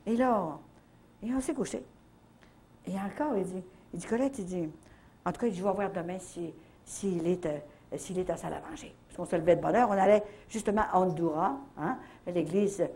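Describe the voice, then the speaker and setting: Husky older woman with a Canadian French accent. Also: on the low side, moderate pace. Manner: lively storytelling with frequent "là, hein" tags. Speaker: retreat speaker. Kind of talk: faith testimony storytelling.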